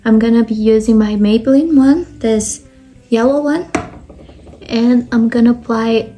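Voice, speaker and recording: On a recording with slight background noise, a young woman from Brazil talks through a makeup tutorial step by step, her Brazilian Portuguese accent clear and "like" cropping up often. She speaks unhurriedly in a mellow, high-leaning voice with fairly even intonation.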